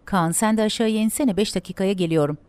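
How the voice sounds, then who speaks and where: Woman voicing a venomous, shouting twin sister. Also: mid-range voice, fast talker, clear, resonant tone, dry recording, pitched above the performer's own voice, natural voice. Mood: furious. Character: bitter hateful young woman, the twin sister.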